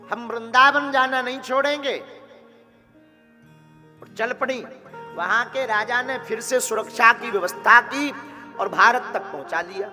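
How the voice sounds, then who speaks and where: A high-pitched man with a very bright, sharp voice delivers a devotional story as a sermon. He talks slowly and dramatically, with florid devotional phrasing. His voice rings through a reverberant hall with faint instrumental music behind it. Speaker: religious storyteller.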